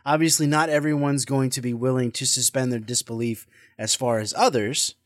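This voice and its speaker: A man's voice: mid-range voice, steady tone, fairly quick, dry recording, studio quality. A man hosting a casual conversation about running tabletop games, thinking aloud and rephrasing as he goes. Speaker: podcast host and dungeon master.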